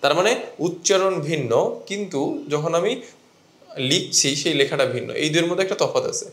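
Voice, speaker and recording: A man's voice: on the high side, a little fast, fairly bright tone, reverberant. A man teaching a grammar lesson to students, explaining step by step and asking them questions. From Bangladesh.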